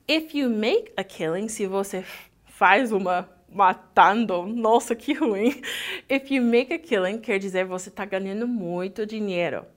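A woman's voice: medium pitch, unhurried. Woman teaching in Portuguese. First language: English. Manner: lively, switches between Portuguese and English. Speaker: English teacher. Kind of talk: language lesson, explaining lyrics.

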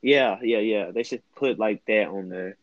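A tired young man co-hosting a casual late-night chat, easygoing and quick to agree. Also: on the low side, lo-fi sound. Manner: easygoing, agreeable, chimes in often. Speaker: co-host.

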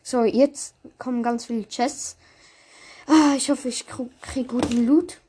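A woman's voice: a little high, fairly even intonation, measured pace, dark tone. A woman giving casual live commentary on her own gameplay, reacting aloud in short bursts. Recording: clear background noise, keyboard clicks.

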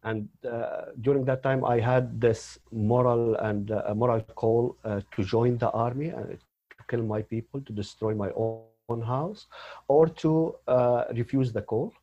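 A man's voice: mid-range voice, steady tone, measured pace, dark tone, lo-fi sound. A man from Syria, telling his story as a guest, hesitant with many fillers and restarts. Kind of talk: personal story in an interview.

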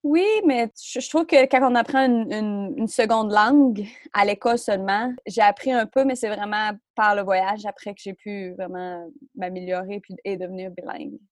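Québécoise woman in her thirties, mid-pitched, hesitant guest, close dry recording. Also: fairly even intonation, moderate pace, hardly any pauses, dry recording. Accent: Québécois French. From Quebec. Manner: hesitant, many euhs, laughs often. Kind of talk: casual interview.

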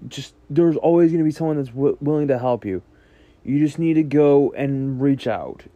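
A man hosting his own podcast, speaking earnestly in a halting way with frequent restarts. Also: mid-range voice, no echo, dull audio. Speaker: podcast host. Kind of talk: solo podcast monologue.

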